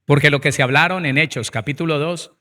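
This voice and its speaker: A man's voice: fairly high pitch, a little fast, sharp tone. A man, a pastor preaching a Bible seminar who speaks emphatically and addresses his listeners directly.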